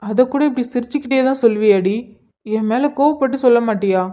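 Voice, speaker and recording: A woman's voice: on the high side, fairly quick, dark tone, dull audio, close to an everyday voice. Woman voicing a remorseful young husband. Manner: apologetic, subdued. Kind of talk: cartoon voice acting.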